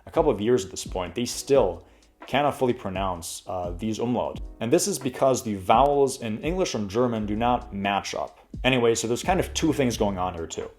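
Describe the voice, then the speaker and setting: A man's voice: medium pitch, lively intonation, normal speed, a little mellow, faint music behind. A young man in his twenties hosting a casual pronunciation lesson, chatty and full of fillers, demonstrating sounds as he goes. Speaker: language tutorial host.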